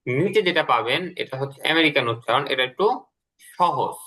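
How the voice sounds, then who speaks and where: Bright-voiced patient male English teacher. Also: medium pitch, expressive. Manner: patient, repeats key words slowly. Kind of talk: explaining a lesson to a student.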